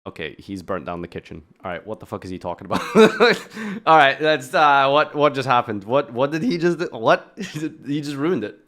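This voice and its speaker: A man's voice: medium pitch, very animated, normal speed, hardly any pauses, fairly bright tone. A man giving casual reaction commentary on a video, blunt and ranting, with sarcastic asides.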